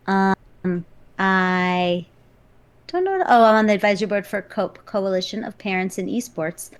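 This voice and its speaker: A woman's voice: mid-range voice, measured pace, clean tone. A woman co-hosting a live stream, chatting casually and listing things with lots of ums. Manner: relaxed, lists things with many ums. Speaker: co-host and esports director. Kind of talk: casual livestream chat. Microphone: live stream microphone.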